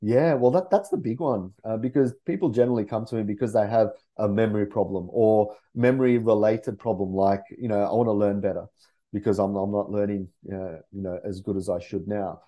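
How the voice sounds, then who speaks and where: A man talks earnestly as a podcast guest. His voice sits low and sounds very dark and mellow. He rambles along with plenty of fillers. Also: steady tone, a little fast. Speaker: podcast guest, memory coach. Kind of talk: casual podcast interview.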